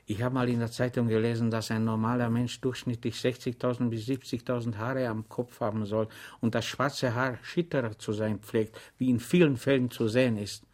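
A man's voice: medium pitch, steady tone, normal speed, darkish tone, lightly acted. A man voicing a good-natured soldier orderly who talks amiably and rambles on deferentially. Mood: chatty.

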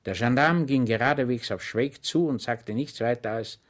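A man narrating a comic novel as an audiobook reader, in a low, even storytelling manner. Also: normal speed.

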